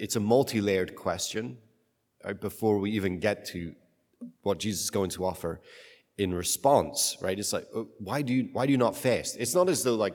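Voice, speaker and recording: Priest, male, very low voice, halting homily, long reverb of a big church. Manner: halting, searching delivery full of restarts. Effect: long churchlike echo. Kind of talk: gospel reading and homily.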